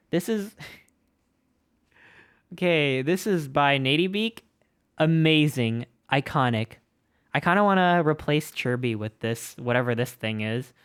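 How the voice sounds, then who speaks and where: A streamer gushing over fan art in casual live-stream chat, excitable and repeating itself, a little out of breath. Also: medium pitch, smooth. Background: faint background music.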